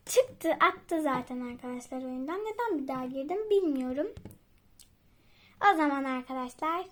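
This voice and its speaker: High-voiced excitable woman gamer. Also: normal speed. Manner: excitable, chatty, talks straight to viewers. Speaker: gaming channel host. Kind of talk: casual gameplay commentary.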